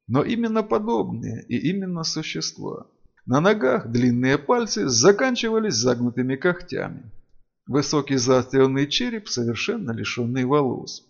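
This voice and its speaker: Guy reading an audiobook, sing-songy and gravelly, lo-fi sound. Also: medium pitch, big pitch swings, moderate pace. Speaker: narrator. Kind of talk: audiobook narration.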